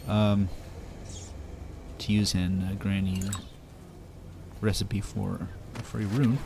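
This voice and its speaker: A man's voice: on the low side, flat delivery, slow, creaky, background noise. A man hosting a let's play, giving casual, rambling lore commentary full of fillers. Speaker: gamer host.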